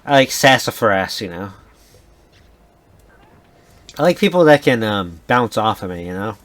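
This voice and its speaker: A man's voice: fairly low pitch, sing-song, measured pace, a bit bright. Rambling young man chatting over gameplay. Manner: rambling, many fillers and laughs. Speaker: gaming co-host. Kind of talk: casual let's-play chat.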